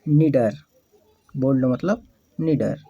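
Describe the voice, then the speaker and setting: Slow, patient teacher. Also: mid-range voice, breathy edge, dry recording, phone-quality sound. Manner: patient, repeats questions and answers. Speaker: English teacher. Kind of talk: slow spelling-out lesson.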